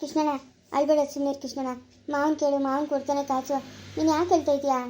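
A woman's voice: high voice, little pitch movement, fast talker, warm tone, a little hiss or hum, lightly acted, rough recording. A woman playing a caring village aunt who soothes and scolds, repeating warnings, in an amateur family drama.

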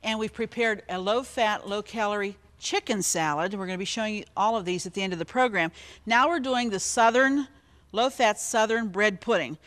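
A woman's voice: medium pitch, normal speed, a bit bright. Woman, TV cooking host, friendly and chatty, walks viewers through each step while she cooks. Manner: chatty and encouraging, talks straight to viewers. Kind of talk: TV cooking demonstration.

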